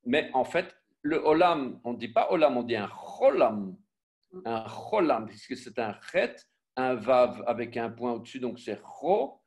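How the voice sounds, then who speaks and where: A man teaching a Biblical Hebrew lesson online, spelling out syllables and letters one by one, often pausing to correct himself. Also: medium pitch, animated. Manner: self-correcting, with frequent fillers and restarts. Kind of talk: online class with screen sharing.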